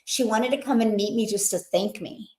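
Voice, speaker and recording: A woman's voice: mid-range voice, normal speed, darkish tone, echoey room, low-quality recording. A woman hosting a motivational webinar, talking in a chatty, emphatic way with lots of fillers. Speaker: webinar host.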